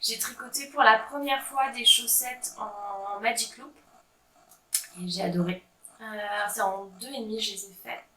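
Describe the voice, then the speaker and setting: A French woman in her thirties, a knitting vlogger, chats casually about her knitting projects in a slightly high, pushed and bright voice at a moderate pace. Her show-and-tell is full of fillers and self-mocking humor, recorded in an echoey room with her voice a bit far from the mic.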